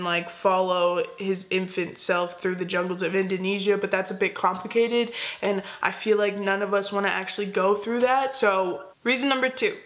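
A woman's voice: medium pitch, fairly bright tone. A teenage girl hosting a school video with sarcastic, teasing scripted narration. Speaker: student video host. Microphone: close camera, plain wall.

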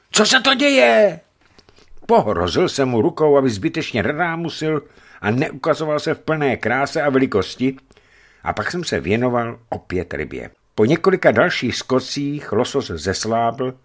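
Male audiobook narrator, low voice, very lively pitch, measured storytelling. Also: husky. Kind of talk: audiobook reading of an adventure memoir.

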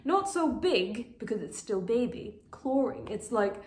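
A woman with a slightly high, sing-song voice talks a bit slowly as she reviews a product on camera for her houseplant channel. Still recovering vocally from an illness, she comes across as earnest and chatty, with frequent fillers. She's in a bright living room crowded with plants, and the audio echoes around the room.

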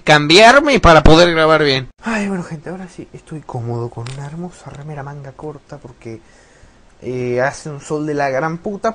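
A man's voice: on the high side, a bit bright, a little hiss or hum. A teenage boy with a Rioplatense Spanish accent, rambling and swearing a lot as he chats over his gameplay into a loose mic. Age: teen. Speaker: gameplay commentator. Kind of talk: rambling let's-play chat. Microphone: loose desk mic that keeps slipping.

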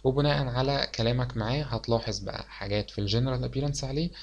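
A young man with an Egyptian Arabic accent giving an exam revision lecture, explaining calmly and mixing English medical terms into his Arabic. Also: mid-range voice, fast, creaky, dull audio.

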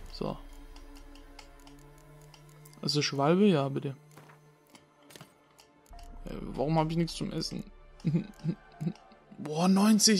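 A young man with a slightly high voice and a darkish tone talks to the game as he plays, swearing and making fun of himself in casual let's play commentary. Game music runs underneath.

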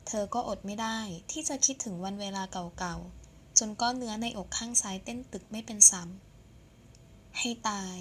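A woman narrating a romance audio novel in a soft, measured way. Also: mid-range voice, slight background noise. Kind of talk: scripted narration.

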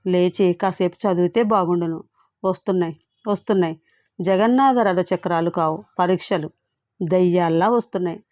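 A woman's voice: on the low side, darkish tone, no echo. A woman narrating a novel aloud in a dramatic reading, voicing the hero's anxious inner thoughts. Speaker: audiobook narrator.

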